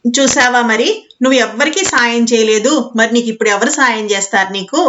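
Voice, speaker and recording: A woman voicing the wind, gently chiding a goat kid and telling it how to escape, in a storybook reading. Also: on the high side, fairly quick, dull audio, lightly acted. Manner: gently chiding, giving a plan. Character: kindly talking wind, lecturing then helping.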